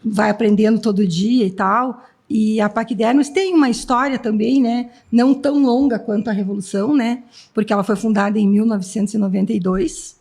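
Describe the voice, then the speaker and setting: A woman's voice: on the high side, steady tone, brisk, hardly any pauses, a little mellow. A woman in her fifties, a team president chatting casually as a podcast guest, often tagging her sentences with a question. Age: 50s. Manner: chatty, tags lines with "né?".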